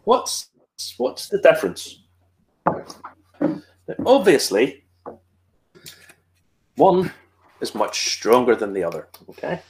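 A man's voice: mid-range voice, wildly swooping pitch, slow pace, long pauses, a little mellow, slight background noise. A man with a Northern Irish Ulster accent, hosting a tasting in casual chat, explaining things with asides and questions to himself. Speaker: whiskey tasting host.

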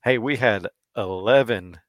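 A man with a Missouri accent talks sports in a loose, chatty way, laughing between points. His voice sits very low. The sound is dry and close. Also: unhurried, no room sound. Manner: chatty, laughs often, restarts. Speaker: podcast co-host. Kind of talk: casual sports chat.

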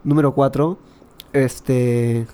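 A young man with a Peruvian accent, telling a personal story in an animated, slangy way, full of fillers, in a casual chat. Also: mid-range voice, takes it slowly. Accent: Peruvian Spanish.

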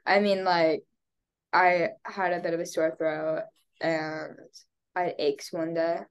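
The audio is lo-fi, and this young woman co-hosting a podcast has a lowish, clear, resonant voice with a flat, slow delivery, though she sounds congested. Her casual chat rambles, with many fillers, restarts and frequent laughter.

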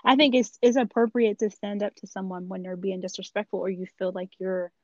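A woman's voice: mid-range voice, fairly even intonation, fairly quick, a little mellow, no room sound. A young woman co-hosting a podcast in casual chat, talking candidly and rambling, swearing freely. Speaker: podcast co-host. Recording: dull lo-fi sound, dry.

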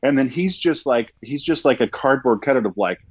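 An emphatic man co-hosting a podcast with a mid-pitched voice. He stammers through restarts and fillers as he makes his point. His mic sounds dull and lo-fi, with a dry, close sound. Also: expressive, a little fast, breathy edge, no echo. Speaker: podcast co-host. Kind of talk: casual film review chat.

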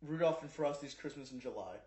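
A man's voice: fairly high pitch, brisk, warm tone. A young man co-hosting a podcast, chatting casually and saying "dude" and "like" a lot. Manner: laid-back, says "dude" and "like" a lot. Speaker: podcast co-host. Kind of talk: casual chat. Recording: echoey room.

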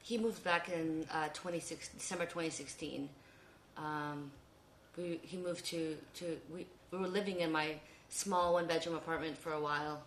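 Woman in her 30s, lowish voice, lots of ums and restarts, echoey room. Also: fairly even intonation, moderate pace, slight background noise. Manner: chatty with frequent ums and self-corrections. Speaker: interview guest. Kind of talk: casual conversation. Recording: roomy echo.

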